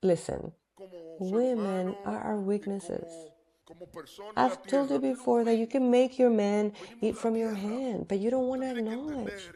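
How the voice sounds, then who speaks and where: A woman preaches with a mellow, warm tone that never turns sharp. She drives her points home by repeating short phrases, giving her delivery an insistent, emphatic pulse. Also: fairly high pitch, unhurried, creaky. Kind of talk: sermon.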